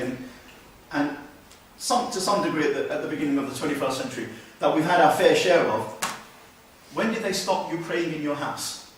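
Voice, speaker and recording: A man's voice: a little high, slight background noise. Earnest male teacher in an echoey mosque. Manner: earnest, questioning, with restarts. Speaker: Islamic teacher. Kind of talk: mosque lecture. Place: mosque hall. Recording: very echoey hall, mic at a distance.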